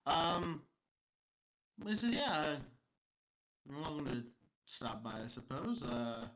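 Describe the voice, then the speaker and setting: A man voicing a calm, courtly old vampire lord, speaking haltingly with many fillers. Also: on the high side, heavily acted, low-quality recording. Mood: cordial.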